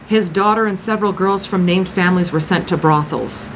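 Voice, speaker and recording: A woman voicing a grim, protective woman who cares for rescued girls, speaking gravely and with measured care in an audiobook reading. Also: fairly low pitch, background noise, close to an everyday voice.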